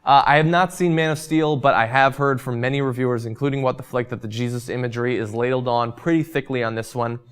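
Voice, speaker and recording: A man's voice: mid-range voice, steady tone, quick pace, few pauses, smooth. A young man hosting a show and chatting casually through viewer comments, losing his voice, with frequent ums and uhs. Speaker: host.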